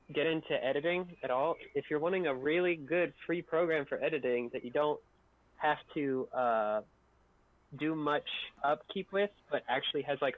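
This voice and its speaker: On a casual livestream, a man with a fairly high voice chats informally, explaining things and offering his opinions. There's no echo, though the sound is thin and phone-like, as if over a voice call.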